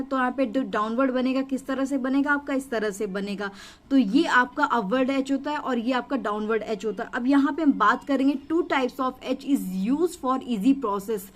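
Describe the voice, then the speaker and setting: A young adult woman teaching a stenography lesson, explaining step by step in a patient, repetitive way and often checking in with her students. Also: high-pitched.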